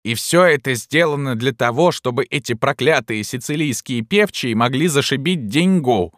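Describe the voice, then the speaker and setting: A man's voice: medium pitch, animated, moderate pace, a bit bright, no room sound, clean studio sound, pitched above the performer's own voice, close to an everyday voice. A man voicing an angry old woman in a crowd who scolds sharply. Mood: indignant.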